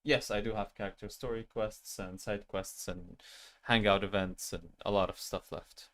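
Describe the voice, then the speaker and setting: A man with a youthful-sounding voice who streams games with an animated avatar, rambling in a self-deprecating way as he chats with his viewers at the end of a stream. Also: fairly low pitch, moderate pace. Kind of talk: casual end-of-stream chat.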